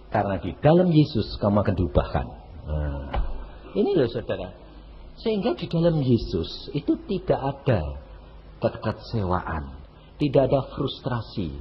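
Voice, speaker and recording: A man's voice: medium pitch, a little hiss or hum. A male evangelist, preaching a sermon and teasing the congregation with rhetorical questions. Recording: dull echoey hall recording.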